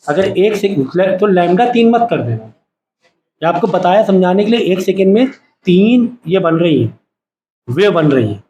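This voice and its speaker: High-voiced male teacher quizzing a class. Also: big pitch swings, unhurried, dark tone, a little hiss or hum. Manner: quizzes students with repeated call-and-response questions. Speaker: science teacher. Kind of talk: classroom lecture. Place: classroom with students.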